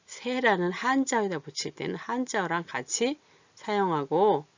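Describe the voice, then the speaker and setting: A woman's voice: medium pitch, lively intonation, dry recording. A woman teaching a beginner language class, patiently drilling words and example sentences one by one. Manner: slow, drilled repetition of example phrases. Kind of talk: classroom lesson. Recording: dull, dry lo-fi.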